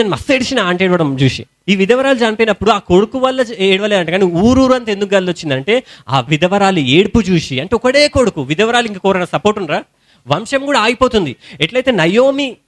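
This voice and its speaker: Young male preacher, Telangana Telugu accent, high voice, colloquial storytelling sermon. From India. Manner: storytelling sermon in colloquial speech, rising to shouted hallelujahs.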